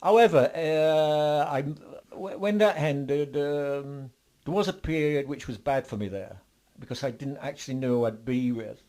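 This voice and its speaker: Older male musician guest, slightly high voice, meandering anecdotes full of uhs. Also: unhurried, dark tone. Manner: rambling anecdotes with many fillers and restarts. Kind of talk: interview storytelling.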